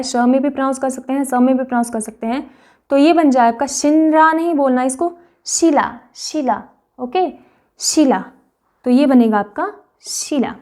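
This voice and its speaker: High-pitched woman teaching Korean patiently. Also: a little mellow. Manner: patient, repeats practice words slowly, frequent "okay". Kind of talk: explanatory online lesson.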